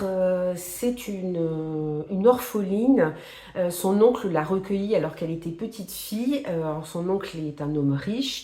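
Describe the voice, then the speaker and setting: A woman talking casually about books she loves, pausing often with fillers and restarting her sentences. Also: medium pitch, mellow. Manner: hesitant, many fillers and restarts. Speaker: book reviewer. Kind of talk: casual book talk to camera. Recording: echoey room.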